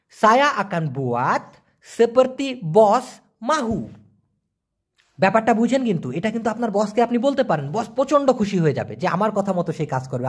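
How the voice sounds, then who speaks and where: A man giving an online language lesson, answering viewer questions and slowly repeating foreign words for pronunciation. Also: high voice. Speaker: language teacher.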